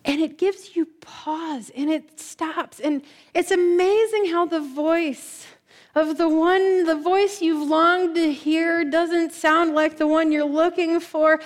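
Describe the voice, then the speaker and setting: High-voiced woman preaching a lively sermon. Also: slow pace. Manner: lively storytelling, acts out quoted lines; conversational, warm asides to the congregation.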